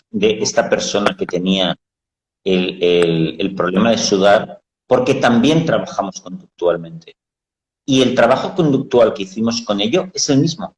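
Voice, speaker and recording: A man with a lowish voice talks frankly and plainly, explaining ideas in blunt everyday words. The sound carries a noticeable echo from the room. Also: lively intonation, moderate pace. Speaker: psychologist host. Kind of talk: casual live talk.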